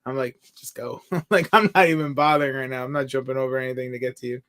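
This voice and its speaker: Man, 40s, stream host; easygoing chat, quick laughs, reads viewer comments aloud. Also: mid-range voice, steady tone, fairly bright tone. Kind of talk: casual livestream chat.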